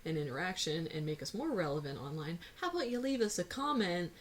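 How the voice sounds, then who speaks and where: A woman's voice: fairly low pitch, very animated, fast talker, rough recording. A woman co-hosting a casual chat, playful and teasing as she talks. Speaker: co-host.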